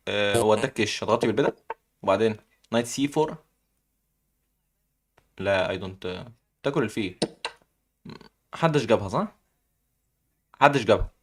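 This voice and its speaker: Man, Egyptian accent, young adult, chess stream host, rapid excitable commentary. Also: medium pitch. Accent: Egyptian Arabic. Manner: excitable, cheering players on. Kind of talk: live chess puzzle commentary.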